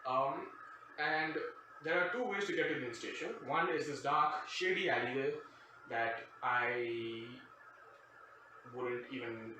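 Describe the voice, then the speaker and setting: This storytime show host grew up outside the country he now lives in, and he tells a casual comic anecdote with wry, sarcastic digressions. His medium-pitched voice is pushed and bright, moving a little slowly. A distant mic in a very echoey room picks up faint noise.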